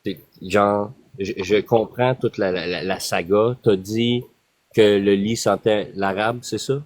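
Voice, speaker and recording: A man calmly trying to soothe someone, speaking haltingly with many restarts. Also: fairly low pitch, no echo. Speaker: caller trying to calm the host.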